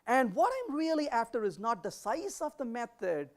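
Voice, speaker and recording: A woman's voice: fairly high pitch, sing-song, normal speed. A woman giving a conference talk to developers, questioning the audience and acting out short dialogues. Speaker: conference speaker.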